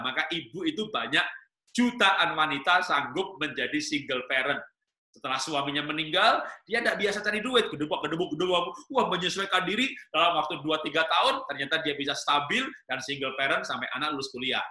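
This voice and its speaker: A man's voice: on the high side, expressive, brisk, sharp tone, reverberant. A man preaching a humorous sermon to married couples, teasing the listeners with questions and jokes. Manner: joking, teasing the audience with questions.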